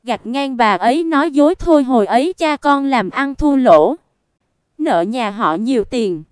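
A woman reading the part of a tearful middle-aged mother in a storybook, in a soft, pleading way. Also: high voice, lively intonation, a little slow, clean tone, dry recording, clean studio sound. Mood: fearful.

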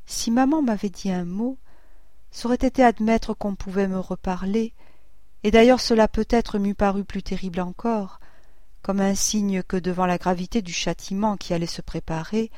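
A woman narrating a classic literary novel in a measured, unhurried reading. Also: mid-range voice, a little mellow, no echo. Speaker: audiobook reader.

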